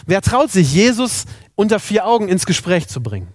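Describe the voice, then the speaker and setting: A man's voice: high-pitched, very animated, normal speed, darkish tone, no echo, clean studio sound. A man preaching a sermon, earnest, asking the congregation rhetorical questions.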